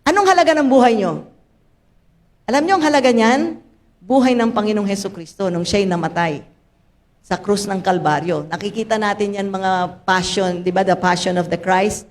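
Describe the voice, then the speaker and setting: An older woman pastor with a Filipino accent, preaching a sermon in a church, mixing Tagalog and English, speaking straight to her congregation and rising suddenly into loud, dramatic lines. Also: mid-range voice, normal speed. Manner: addresses the congregation directly, asking them to raise hands.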